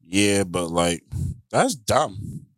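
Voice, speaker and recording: A man's voice: lowish voice, lively intonation, drawn-out words, a bit bright, dry recording, studio quality. A man co-hosting a movie review show, chiming in with short, laid-back remarks. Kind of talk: casual banter.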